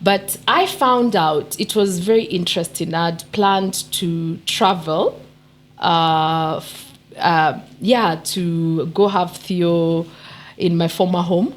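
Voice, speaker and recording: Croaky woman from kenya telling her story, lowish voice, animated. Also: slow pace. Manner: animated storyteller, quotes others. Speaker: podcast co-host. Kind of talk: personal storytelling.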